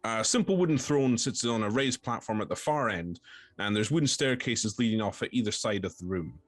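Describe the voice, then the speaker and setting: Man as game master, hesitant scene narration, lively pitch, dry close sound, faint music under. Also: a little fast, no echo. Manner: hesitant, many ums and restarts, descriptive.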